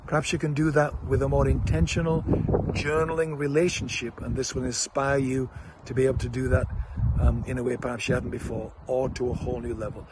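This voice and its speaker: A man in his fifties giving an upbeat motivational talk to camera in an encouraging, deliberate way. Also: mid-range voice, level tone. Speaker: motivational mentor. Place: outdoors by a leafy hedge. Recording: noisy outdoor phone recording.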